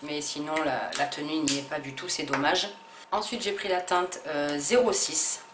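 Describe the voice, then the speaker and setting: Low-voiced woman, hesitant haul vlog. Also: moderate pace, noisy background. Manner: hesitant, many fillers and restarts. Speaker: beauty vlogger. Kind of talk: casual haul video. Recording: echoey room with faint ambience.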